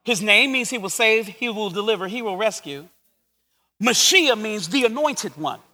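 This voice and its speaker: Middle-aged male pastor, very high bright voice, lively sermon delivery, long hall reverb. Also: moderate pace. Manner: preaching, builds to shouts.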